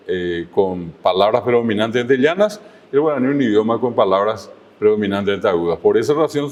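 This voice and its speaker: A man giving an online language lecture, slowing down to spell out syllables as he explains. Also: fairly low pitch, darkish tone. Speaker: language teacher.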